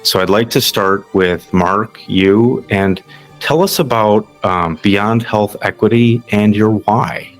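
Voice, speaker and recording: Low-voiced joking podcast host man. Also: slow pace, faint music behind, rough recording. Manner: jokey, self-deprecating. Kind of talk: casual podcast talk.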